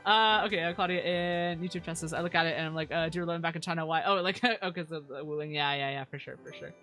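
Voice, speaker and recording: Bright, stammering young-sounding woman streamer, cute anime style. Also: sits low, quick pace, faint music behind. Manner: stammering, repeats words. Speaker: live streamer, VTuber. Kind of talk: casual livestream chat over a game, reading viewer comments.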